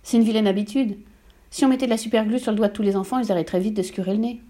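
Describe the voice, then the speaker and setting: A woman voicing a bossy, sharp-tongued mother who scolds curtly in a storybook reading. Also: medium pitch, steady tone, racing, natural voice. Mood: scolding. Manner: scolding, curt.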